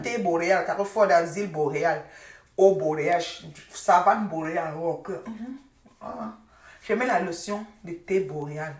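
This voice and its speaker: An older woman chats on a live stream from her home, warm with pet names and quick to laugh. Her voice sits a little back from the mic. A roomy echo hangs around each phrase. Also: on the low side, recorded from a distance. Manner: chatty and affectionate, repeats pet names, laughs often. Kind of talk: casual live-stream chat with viewers. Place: at home, indoors.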